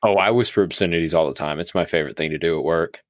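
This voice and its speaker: A man's voice: low-pitched, very fast, no echo, clean studio sound. A man co-hosting a podcast in casual chat, blunt and profane as he tells stories. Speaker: podcast co-host.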